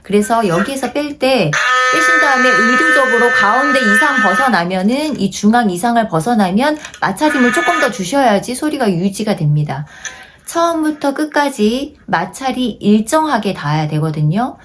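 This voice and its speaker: A woman teaching a haegeum lesson, patiently repeating each instruction and slowing down to demonstrate. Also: a little high, lively intonation. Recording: noisy home-video recording.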